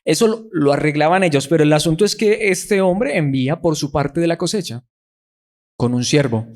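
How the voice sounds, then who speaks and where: A man's voice: a little high, animated, moderate pace, a little mellow. A man preaching a sermon, who keeps putting rhetorical questions to the congregation.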